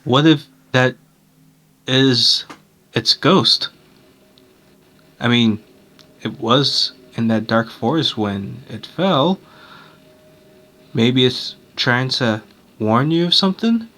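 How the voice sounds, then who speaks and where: A man's voice: medium pitch, animated, takes it slowly, long pauses, pushed and bright, soft background music. A man playing a tabletop game with friends, casual and chatty. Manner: speaks in character in quotes. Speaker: player.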